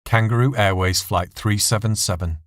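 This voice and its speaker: Man, low register, scripted dark storytelling, dry recording. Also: moderate pace, no room sound. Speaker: story narrator.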